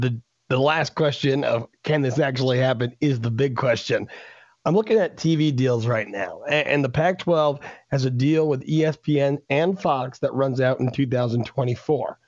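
Man, 30s, podcast co-host, steady methodical questioner, dry lo-fi audio. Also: mid-range voice, moderate pace, dry recording. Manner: asks questions, reads details out methodically. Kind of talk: casual sports talk.

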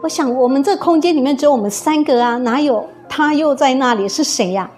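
A woman with a Taiwanese Mandarin accent, a music teacher, telling an eerie story in a lively, suspenseful way with many fillers. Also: sits high, a little fast. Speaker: guzheng teacher recounting a story. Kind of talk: casual storytelling.

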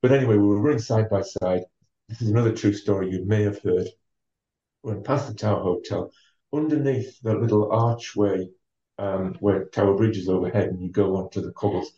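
A man, a former marathon runner from North East England, telling his story as an interview guest, measured, with many ums and restarts. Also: fairly low pitch, steady tone, mellow, far from the mic. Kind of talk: relaxed storytelling. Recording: dull, roomy sound from off the mic.

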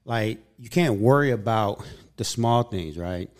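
A Southern California man in his fifties hosts a podcast, telling stories earnestly and upbeat in a casual chat. His voice is on the low side and darkish, animated yet at a measured pace.

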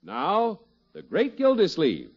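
A man's voice: high voice, huge pitch swings, takes it slowly. An American man announcing in the emphatic, showman-like style of an old radio announcer, reading scripted sponsor copy and narration. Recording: muffled vintage radio recording, music behind.

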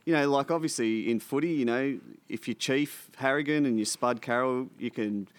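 A man's voice: medium pitch, moderate pace, clean tone, no echo. An Australian man co-hosting casual, comic sports chat in a wry, blokey, rambling way. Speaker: sports talk show co-host.

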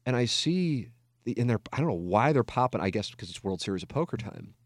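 Very animated and a little fast, this medium-pitched American radio host in his forties, from Missouri, rambles through candid, reflective casual talk, poking fun at himself and frequently swearing. The recording is studio quality with no room sound.

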